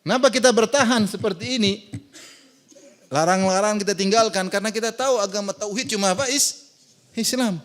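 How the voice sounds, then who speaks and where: Male preacher, slightly high-pitched, animated and mocking, rhetorical questions, mosque sermon. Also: a little fast. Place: large mosque.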